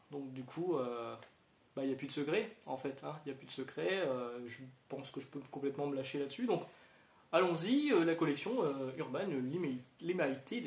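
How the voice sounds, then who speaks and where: A man in his thirties chatting casually about upcoming comic releases, rambling with lots of fillers and restarts and giving frank opinions. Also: on the high side. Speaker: comics video host. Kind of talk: casual chat. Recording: echoey room.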